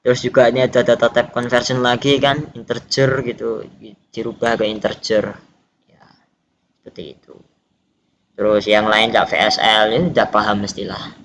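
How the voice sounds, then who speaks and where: A man's voice: lowish voice, flat delivery, moderate pace, a bit bright, slight background noise. A young man from Java, a student explaining a lab project in an informal, hesitant way, full of fillers and self-corrections. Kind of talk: casual technical explanation.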